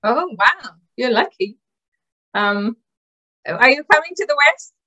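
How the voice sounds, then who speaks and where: This woman hosts a business video call informally, effusive and chatty, her thoughts hopping around. She speaks slowly but animatedly, her high-side voice bright and forceful, with no room sound. The call audio is dull and lo-fi.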